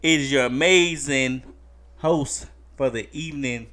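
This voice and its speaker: A boisterous man hosting a podcast while drunk, rattling through a playful sign-off. His voice is bright and forceful, pitched at an ordinary height. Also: a little slow. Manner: boisterous, joking sign-off patter. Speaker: podcast host. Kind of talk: casual group chat.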